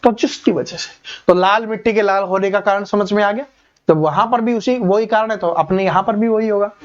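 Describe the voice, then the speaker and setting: High-voiced man teaching an exam class. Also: fairly quick. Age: 30s. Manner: explains step by step, asking students rhetorical questions. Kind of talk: online exam-prep lesson. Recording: dull lo-fi recording.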